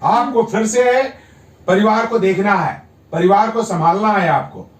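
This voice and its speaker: Heard through a mic set back in an echoey room, a man working as a yoga therapist firmly urges a patient on at home, saying his encouragement again and again. He speaks at a measured pace in a voice that sits high.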